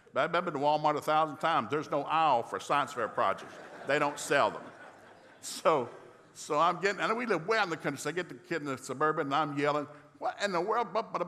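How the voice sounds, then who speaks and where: A middle-aged man of medium pitch delivers a humorous, homespun sermon, acting out every exchange with animated voices. His words ring out through the long reverb of a large church hall. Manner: folksy, animated, acts out dialogue. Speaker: preacher. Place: church sanctuary.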